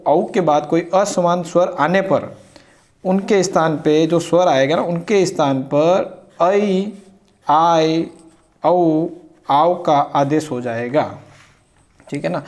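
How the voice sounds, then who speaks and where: Higher-voiced man teaching slowly. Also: a little mellow. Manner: explains slowly, repeats points, asks and answers his own questions. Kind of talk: classroom grammar lesson.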